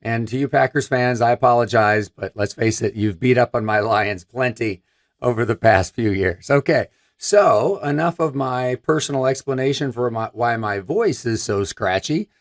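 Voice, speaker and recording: A scratchy-voiced man in his fifties from Michigan hosts a technical live stream presenting a product, speaking in a mid-range voice at a moderate pace. Upbeat and chatty, he gestures as he talks, in a room with a brick wall backdrop.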